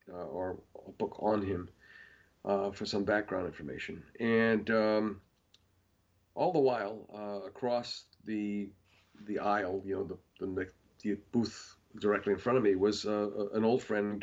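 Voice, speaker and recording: A man's voice: on the low side, highs cut off. A man, a painter being interviewed, talking in a rambling casual way with many fillers and restarts.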